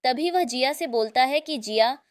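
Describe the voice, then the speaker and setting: A woman with a slightly high voice tells a drama's story as a recap, in a steady scripted narration. She reports what each character says without acting any of them. The sound is close and dry, with no room around it. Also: normal speed, no room sound.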